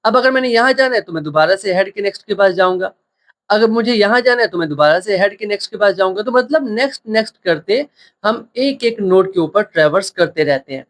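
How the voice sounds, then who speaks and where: A man's voice: high-pitched, lively intonation, a little fast. A man teaching programming in a screen-share coding tutorial, patiently repeating points and checking that listeners follow.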